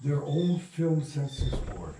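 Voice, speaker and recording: An older man, a guest in an interview, reminisces with casual, rambling anecdotes. His mellow voice sits a little high and moves slowly with big swings in pitch. The recording has roomy echo, he's far from the mic, and there's slight background noise.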